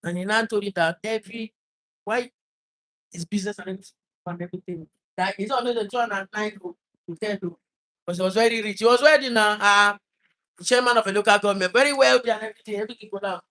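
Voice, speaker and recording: A man with a Nigerian accent tells a painful personal story in an earnest, halting way. He often repeats and restarts his words while trying to hold back tears. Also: sits high, steady tone, pushed and bright. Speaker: vlogger telling a personal story.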